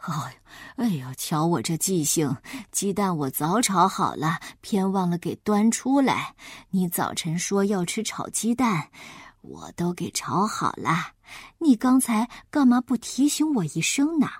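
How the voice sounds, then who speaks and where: A woman voicing a kindly, hard-of-hearing old grandmother, speaking low and softly with a doting manner. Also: sing-song, unhurried, breathy edge, dry recording, clean studio sound, heavily acted.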